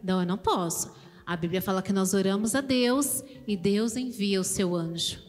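A Brazilian woman teaching a children's church service, animated and asking the kids questions. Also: medium pitch, moderate pace. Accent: Brazilian Portuguese. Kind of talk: children's sermon. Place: church hall. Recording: church hall reverb with music behind.

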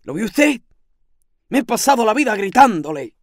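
A man doing a shrill, scolding older landlady. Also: very animated, dry recording. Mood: indignant. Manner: scolding, shrill outbursts, rapid questions. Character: loud, bossy, meddling older landlady. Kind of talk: audiobook reading.

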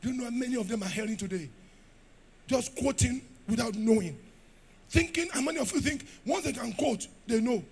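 A man with a Nigerian accent preaching a sermon, shouting at times and dropping to low asides. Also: a little fast, gravelly, slightly rough. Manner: rugged preaching style. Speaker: pastor.

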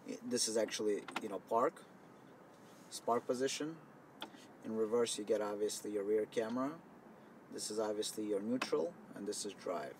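His voice sits on the low side, a little mellow, moving at a normal speed. He's a product demonstrator walking through an informal demo in a car, partly exposed to outdoor wind, with faint wind noise caught on the camera mic.

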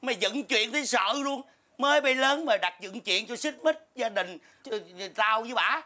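A man's voice: very high voice, sharp tone, full character voice. A man playing a teasing uncle prankster. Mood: defensive. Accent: Southern Vietnamese. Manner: gruff, scolding, drawn-out teasing. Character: teasing middle-aged uncle, deadpan prankster. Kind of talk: comedy skit acting. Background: music.

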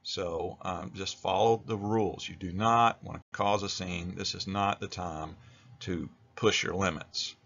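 Low, bright-voiced American male teacher. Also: steady tone, measured pace, muffled recording. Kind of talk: instructional video narration.

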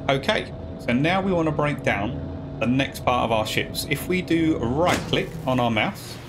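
A man talking viewers through a video game tutorial step by step, in a relaxed, casual voice-over. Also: medium pitch, unhurried, noisy background. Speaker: gaming guide creator.

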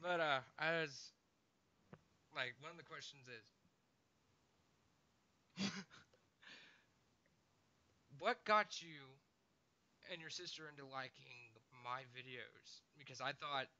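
A man hosting a casual interview chat, recording from inside a small closet, animated and swearing freely as he laughs along. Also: on the high side, takes it slowly, long pauses. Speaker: YouTuber host. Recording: dry, muffled closet recording.

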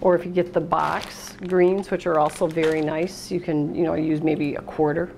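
A middle-aged American cooking show host talks through a casual demonstration step by step, without rushing, at a steel worktop in an indoor kitchen. Her voice sits low and is gravelly and darkish, with a level tone at normal speed. Clattering dishes and a noisy kitchen ambience come through.

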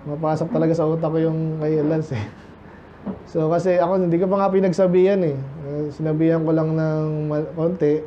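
A man's voice: a little high, flat delivery, normal speed, muffled recording, a little hiss or hum. A man with a Filipino accent, a pastor preaching in a church, talking with the congregation and asking them questions. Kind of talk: sermon.

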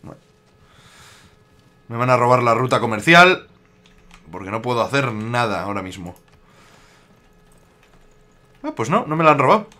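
Excitable Spanish man playing a strategy game. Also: mid-range voice, moderate pace, pauses often. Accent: Aragonese Spanish. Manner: excitable, jokey, talks to game rivals. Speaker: gaming YouTuber. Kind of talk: casual gameplay commentary.

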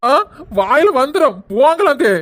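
A woman's voice: high voice, sing-song, moderate pace, very noisy. A woman playing a groaning, scolding pregnant wife. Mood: sharp, whiny. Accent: Kanyakumari Tamil. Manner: wailing, groaning and bickering. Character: young pregnant wife in labour, sharp-tongued and scolding. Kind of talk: slapstick family comedy skit.

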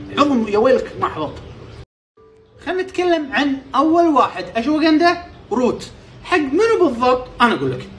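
Fast, lively Kuwaiti man explaining. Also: extremely high pitch. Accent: Kuwaiti Arabic. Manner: quizzes himself, repeats terms to drill them. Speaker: health tips host. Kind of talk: informal explainer.

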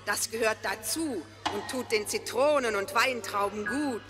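A woman playing a cold, commanding queen of ice in a fairy-tale audio drama, measured and imperious. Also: on the high side, natural voice. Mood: cool, imperious. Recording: music behind the voice.

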